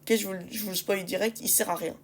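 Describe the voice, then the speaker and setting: A gaming video creator commentates on match replays, giving casual commentary while exasperated with her teammates, repeating phrases and rhetorical questions for emphasis. She talks fast in a steady, mid-range voice.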